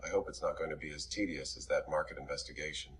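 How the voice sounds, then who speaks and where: A man's voice: a bass voice, fairly even intonation, fast talker, fairly bright tone. A man voicing an arrogant, condescending male superhero. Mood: disdainful. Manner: condescending, disdainful.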